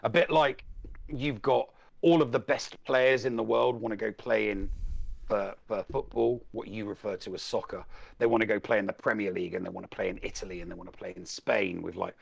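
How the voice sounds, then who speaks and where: A man's voice: fairly low pitch, steady tone, brisk, vocal fry, slightly rough. A man in casual chat as a guest, rambling and repeating words as he searches for them.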